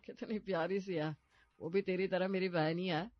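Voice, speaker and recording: A man playing a calm, reassuring brother in a storybook family drama. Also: sits high, moderate pace, dry recording, muffled recording.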